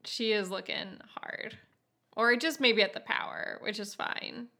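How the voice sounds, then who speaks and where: A woman's voice: medium pitch, unhurried, sharp tone. A woman co-hosting a casual movie podcast, chatty and opinionated, with lots of filler words. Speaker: podcast co-host.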